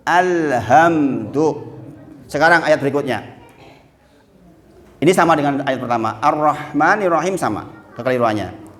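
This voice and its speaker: A man with a Javanese accent teaching Quran recitation to a congregation, slipping Javanese words into his Indonesian and chanting the Arabic verses slowly. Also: a little high, lively intonation, fairly bright tone. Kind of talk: religious lesson to a congregation.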